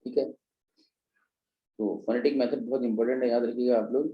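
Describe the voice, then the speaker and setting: A man's voice: medium pitch, steady tone, normal speed, reverberant, muffled recording. A man teaching an exam-prep class in speech, explaining step by step and often checking in with his students. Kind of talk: classroom lecture.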